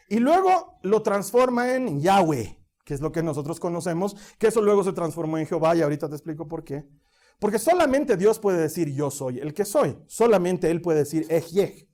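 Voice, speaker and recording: A man's voice: high voice, a little mellow. A male pastor preaching a sermon in a conversational teaching manner, often checking in with his listeners.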